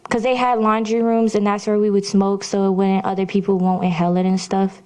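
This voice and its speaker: A woman's voice: medium pitch, flat delivery, fairly quick, a little mellow, clear, resonant tone. A young woman, giving informal, hesitant testimony as a witness in brief, casual answers. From Georgia, United States. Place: courtroom.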